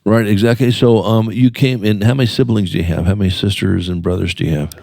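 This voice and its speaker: A man hosting a community podcast, interviewing a guest in a friendly, curious way with quick replies. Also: fairly low pitch, fairly even intonation, vocal fry, mellow, dry recording, studio quality. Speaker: podcast host. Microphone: studio microphone.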